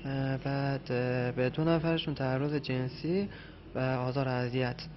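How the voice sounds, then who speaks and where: A male suspect answering questions in a hesitant, halting way. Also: mid-range voice, fairly even intonation, muffled recording, noisy background. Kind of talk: interrogation answers.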